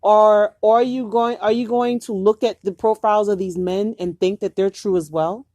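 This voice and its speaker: A woman's voice: medium pitch, steady tone, normal speed, mellow, dry recording. A woman vlogger giving dating advice to her viewers, earnest and urgent, repeating her warnings. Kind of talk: earnest direct-to-camera talk.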